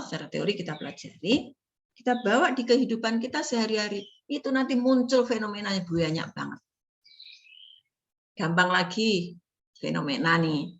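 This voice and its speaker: A middle-aged woman, a nursing lecturer telling stories in a casual, animated class talk full of rhetorical questions. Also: medium pitch, poor audio. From Indonesia. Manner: chatty, animated storytelling with laughs and rhetorical questions.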